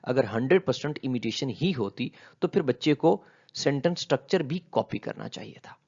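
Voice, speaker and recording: Man, lecturer, code-switching, mid-pitched, slightly dull audio. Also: lively intonation, creaky, darkish tone. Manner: mixes English terms into Urdu explanation; explanatory, asks and answers own questions. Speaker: linguistics lecturer. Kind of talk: recorded video lecture.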